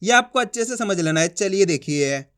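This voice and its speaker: A man teaching a reading lesson step by step, drilling with repeated questions and answers and stretching syllables out slowly. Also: high voice, expressive, a bit bright.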